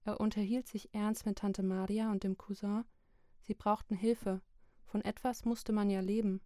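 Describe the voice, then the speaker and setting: A woman narrating a literary book chapter in a slow, measured, even reading. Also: mid-range voice, dry recording, studio quality. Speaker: audiobook narrator.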